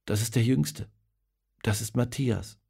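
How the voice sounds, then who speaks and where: A man voicing an anxious wife and mother in a story, speaking softly and in a subdued way. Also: medium pitch, fairly even intonation, unhurried, gravelly, husky.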